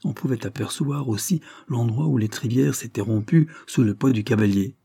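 A man narrating a classic novel as an audiobook, in a steady, measured reading. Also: medium pitch, gravelly, slightly rough, no echo.

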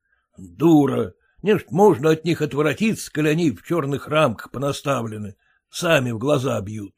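A man's voice: medium pitch, animated, moderate pace, creaky, husky. A man doing a pompous grumbling merchant. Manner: grumbling, lecturing, self-important. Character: pompous fussy merchant husband, fearful of typhus.

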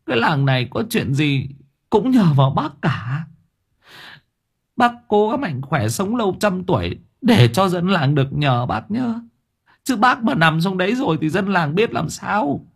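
A man voicing an excitable, fawning village man who talks high and whiny. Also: unhurried, gravelly, slightly rough, full character voice. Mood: whiny pleading. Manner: high, whiny, emotional pleading.

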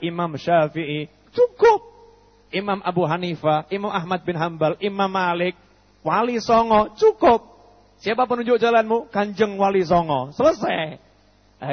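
A man gives an animated sermon, quizzing his listeners and answering himself. His voice sits high and sounds husky. The recording is dull and lo-fi, with long reverb from a hall. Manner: animated, asks and answers his own questions. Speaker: preacher. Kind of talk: lively sermon with acted dialogues.

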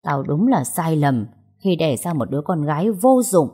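A woman reading a story aloud, voicing a furious older male official who shouts and scolds his grown daughter. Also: deep voice, very animated, moderate pace, breathy edge, full character voice. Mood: furious scolding. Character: furious older male vice chairman, domineering father.

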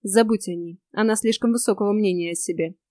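A woman voicing a calm, alluring male vampire in an audiobook. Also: medium pitch, fast talker, no room sound, clean studio sound, lightly acted. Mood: smooth. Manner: calm, alluring, irritated undertone. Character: smooth, seductive male vampire.

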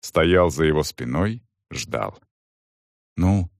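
A man narrating an audiobook with expressive storytelling. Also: fairly low pitch, a little slow, no echo, clean studio sound. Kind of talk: scripted narration.

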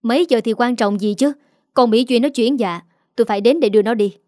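A woman's voice: fairly high pitch, a little fast, dark tone, dry recording, studio quality, close to an everyday voice. A woman voicing an anxious older mother who speaks urgently and firmly to protect her daughter, in an audio story. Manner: urgent, firm.

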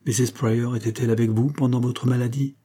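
A weak young man speaks from his sickbed in a faint, halting, heartfelt way, as a male audiobook reader puts him on. The tone is dark and mellow, a little husky. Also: mid-range voice, level tone, lightly acted. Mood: tender, weak. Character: gravely ill young male mill owner, weak and tender.

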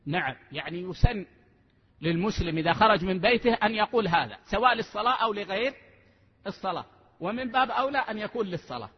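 A man teaching a religious lesson as a sheikh, measured and repeating key phrases for emphasis, with a husky voice. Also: high-pitched, animated. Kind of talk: religious lesson explaining a text. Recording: echoey hall, dull lo-fi sound.

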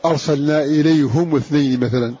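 A man giving a religious lesson on Quran readings, quoting lines of verse and reciting examples slowly and carefully. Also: a little high, fairly even intonation, dark tone, husky, lo-fi sound.

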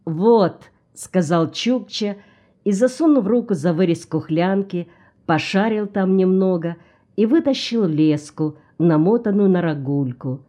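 A woman reading a novel aloud as narrator in a slow, even storytelling voice. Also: lowish voice. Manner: slow, even storytelling, lifting her voice for excited characters.

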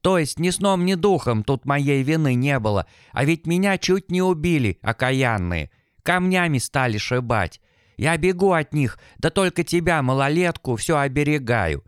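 A man's voice: on the high side, expressive, normal speed, smooth, no echo, clean studio sound, close to an everyday voice. A man reading an audiobook, voicing a grumbling old village woman who mumbles and laments. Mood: indignant.

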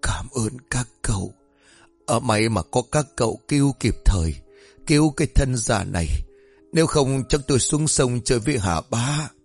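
A man voicing a frail, superstitious old grandmother in her seventies, who speaks in a weak, slow, whispery voice. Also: medium pitch, expressive, slightly rough, faint music behind. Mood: fretful.

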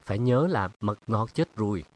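Narrator doing a jealous brooding young guy, pushy questions, slightly higher than his own voice. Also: expressive, moderate pace. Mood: accusing. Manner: pressing, accusatory, then pleading. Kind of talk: audiobook character reading.

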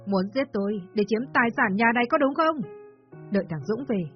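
Shrill scolding old mother-in-law, put on by a woman. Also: expressive, fairly quick, close to an everyday voice. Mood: wailing, furious. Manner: shrill, accusing. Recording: slightly dull lo-fi with faint music.

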